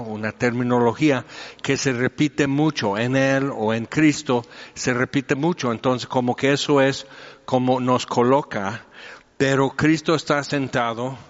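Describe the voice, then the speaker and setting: A man giving a conversational sermon. He explains with everyday examples and fills his pauses with "este". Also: mid-range voice. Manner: explanatory, uses homely examples and many fillers. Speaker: preacher. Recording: dull echoey hall recording.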